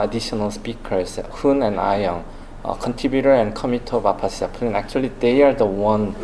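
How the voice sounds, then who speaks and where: A man's voice: on the low side, dark tone, a little hiss or hum, rough recording. A man opening a conference talk, hesitant, with many fillers. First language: Korean. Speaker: conference speaker. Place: conference room.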